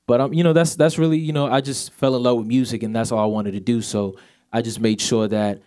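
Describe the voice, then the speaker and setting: This relaxed interview chat features a twentysomething man from Sweden appearing as a singer guest, a native Swedish speaker with a slight accent who says "you know" constantly. His medium-pitched, mellow voice is fairly even in intonation, and he talks fast.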